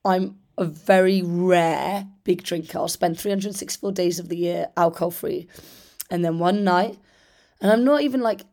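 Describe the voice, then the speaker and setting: Podcast host, female, 30s, British. Slightly low, hoarse, partly lost voice; chatty, candid solo delivery. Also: normal speed, darkish tone. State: hoarse after losing voice. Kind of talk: casual solo podcast talk.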